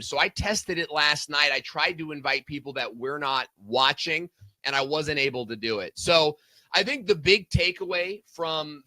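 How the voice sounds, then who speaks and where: A man's voice: a little high, bright, forceful tone, dry recording. A man hosting a casual business talk show, chatting in a friendly, conversational way with fillers. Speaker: show host.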